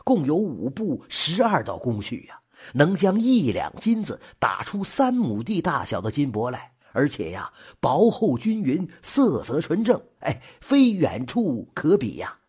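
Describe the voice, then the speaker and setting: A man's voice: fairly high pitch, huge pitch swings, a little slow, a little mellow, breathy edge, heavily acted. A man voicing an eager, deferential male clerk who keeps sighing "ai" between phrases. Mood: proud. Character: fawning nervous male clerk, eager to please.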